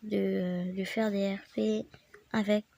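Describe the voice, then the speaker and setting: Gravelly-voiced woman with the flu. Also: mid-range voice, flat delivery, slow pace, warm tone, no room sound. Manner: chatty, rambling, addresses viewers directly. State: sick with the flu, voice affected. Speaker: gaming channel host. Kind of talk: casual game tutorial narration.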